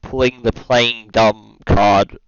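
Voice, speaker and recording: A man's voice: fairly low pitch, fairly even intonation, takes it slowly, clear, resonant tone, no echo. A man hosting a casual gaming podcast, laid-back and teasing, laughing easily as he leads the chat. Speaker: podcast host. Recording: dull lo-fi voice call audio.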